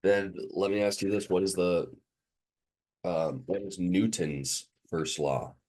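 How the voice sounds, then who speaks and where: A man's voice: sits low, steady tone, slow pace, a little mellow. A sick, sniffly man tutoring a student one on one, hesitant with many ums as he quizzes them.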